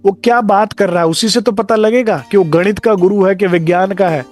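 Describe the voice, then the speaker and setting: A man's voice: high voice, a little fast, darkish tone, soft background music. A man giving a devotional discourse as a spiritual teacher, talking conversationally and acting out short dialogues.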